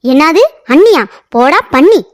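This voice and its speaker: A woman's voice: high voice, expressive, a little slow, slight background noise. A woman voicing a hot-tempered young woman in a cartoon story, scolding and insulting sharply. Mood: furious.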